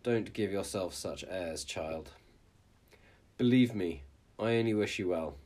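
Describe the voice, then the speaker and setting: A man's voice: sits low, animated, a little slow, a little mellow. A man reading a story aloud and voicing a bossy, self-important hen who scolds and lectures. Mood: scolding. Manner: scolding, preachy.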